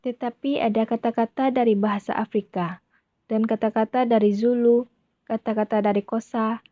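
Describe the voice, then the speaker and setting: Woman reading translated voiceover, bit high, dry dull lo-fi sound. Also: fairly even intonation, moderate pace, no room sound. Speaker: voice-over interpreter. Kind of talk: read translated voice-over.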